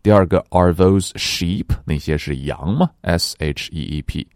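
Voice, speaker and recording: Deep-voiced chinese guy teaching english sounds, slow and bouncy, super dry close sound. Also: a little mellow, no room sound. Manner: slow, drawn-out model readings, repeats each word twice. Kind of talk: language lesson, reading words slowly for repetition.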